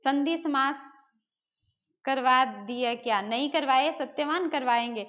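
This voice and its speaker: A woman's voice: high voice, a little slow, a bit bright, lo-fi sound. A woman teaching Hindi grammar in a live online class, talking casually and replying to students' messages, with English words mixed in. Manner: chatty, answers students' chat messages, mixes in English words.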